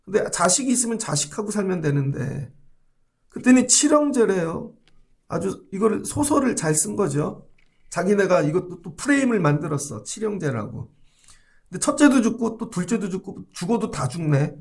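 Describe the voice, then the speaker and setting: A man preaching a dawn sermon as a pastor, with a fairly high voice and a gravelly edge. He talks to the congregation conversationally and keeps asking them questions. He acts out short everyday dialogues to make his points. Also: very animated, moderate pace, darkish tone.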